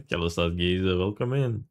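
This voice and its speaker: A man's voice: low-pitched, moderate pace. A man from Serbia, casually commentating a live game stream, greeting chat and swearing freely.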